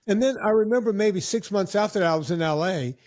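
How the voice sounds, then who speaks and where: A man guest on a podcast, telling casual stories in an animated way and acting out what other people said. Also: sits high, fast talker, a little hiss or hum. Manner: animated anecdotes with acted-out quotes of other people. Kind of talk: casual storytelling.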